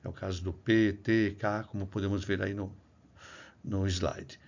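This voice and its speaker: A man's voice: deep voice, little pitch movement, measured pace, gravelly, lo-fi sound. A man from Brazil giving a recorded lecture on phonetics and music. He explains the material step by step, sounds out sample syllables aloud, and often checks in with a tagged "né?". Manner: explanatory, demonstrates syllables aloud, frequent "né?" tag. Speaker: music researcher and clarinet teacher.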